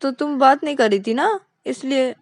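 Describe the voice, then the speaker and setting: A woman's voice: high-pitched, normal speed, a little mellow, no room sound, pitched above the performer's own voice. A woman voicing a young woman who begs for forgiveness and then playfully teases her partner in a spoken love story. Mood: teasing. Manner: pleading, teasing.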